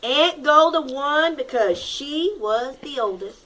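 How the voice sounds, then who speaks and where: Her high, animated voice is fairly bright and slow, though the audio is poor. She's an elementary reading teacher dramatically reading a storybook, emphasizing points and asking her pupils questions to teach them.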